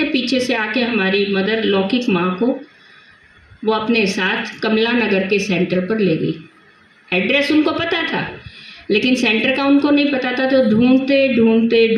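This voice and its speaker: An older woman from Delhi, a Brahma Kumaris sister, sharing a personal spiritual testimony and reminiscing, often repeating words as she recalls things. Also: on the high side. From Delhi, India. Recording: very echoey, dull lo-fi sound, faint hiss.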